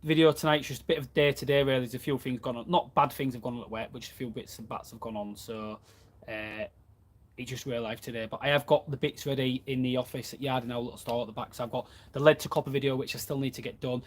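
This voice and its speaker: Sitting in his van, a man chats casually through a live question-and-answer session about his plumbing business. His voice sits at medium pitch with fairly even intonation and a quick pace, and he stays plain-spoken and chatty as he reads viewer comments aloud.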